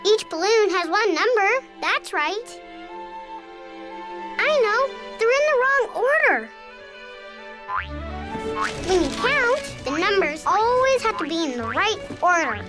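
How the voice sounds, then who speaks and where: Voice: extremely high pitch, very animated, takes it slowly, long pauses, over music, full character voice. An actor voicing a young, eager and helpful kangaroo child in a children's cartoon. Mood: helpful, thoughtful.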